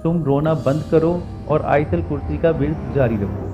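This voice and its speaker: A man voicing a worried but calm father who speaks in a soothing, reassuring way. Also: fairly high pitch, muffled recording, close to an everyday voice. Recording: music bed under voice.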